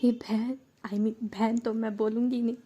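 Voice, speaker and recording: Woman voicing a calming young woman, coaxing, warm, high-ish voice. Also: a little slow, husky, highs cut off. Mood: soothing. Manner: soothing, coaxing.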